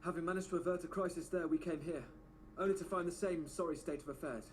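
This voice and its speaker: Man as brisk, analytical young hero. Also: a little high, fairly even intonation, a little hiss or hum, natural voice. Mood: serious. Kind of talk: video game voice acting.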